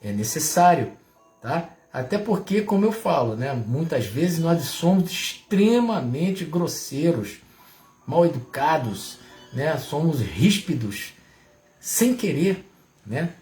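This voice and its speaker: A man's voice: fairly high pitch, big pitch swings, slow pace, darkish tone, reverberant, soft background music. A middle-aged man with a Brazilian Portuguese accent hosts a reflective talk for live viewers, chatting casually and ending many phrases with a questioning tag. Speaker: host of a reflection livestream.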